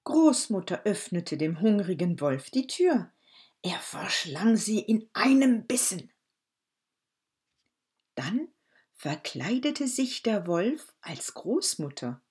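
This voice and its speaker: A woman reading a children's fairy tale aloud, slow and expressive. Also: mid-range voice, slightly rough. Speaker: storyteller.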